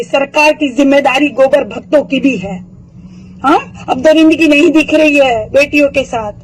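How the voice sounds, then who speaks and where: A hoarse woman with a sore throat delivering a furious political video rant, taunting her targets with rapid-fire rhetorical questions. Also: high voice, a little hiss or hum, poor audio.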